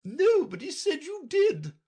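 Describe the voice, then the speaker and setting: A woman voicing a stern, bossy queen who scolds sharply and loudly. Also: sits high, wildly swooping pitch, slow, pitched above the performer's own voice, full character voice. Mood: imperious scolding.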